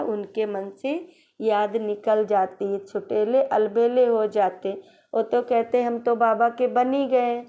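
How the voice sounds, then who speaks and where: A woman giving a devotional discourse, slowly quoting and rephrasing teachings. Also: medium pitch, mellow. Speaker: spiritual teacher explaining a daily lesson.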